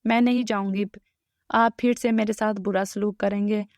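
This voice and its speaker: A woman's voice: mid-range voice, steady tone, a little mellow, no room sound, studio quality, natural voice. A woman reading the part of a hurt, sulky young wife in a storybook romance.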